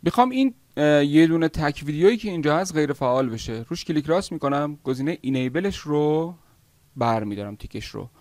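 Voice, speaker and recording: A man with a fairly high voice walks through editing software one step at a time. He stops often on a drawn-out "uh" as he explains. The sound is dry and close, with no room around it. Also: lively intonation, dry recording. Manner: step-by-step explaining, with frequent "uh" pauses. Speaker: video editing instructor. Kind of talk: screen-recorded software tutorial.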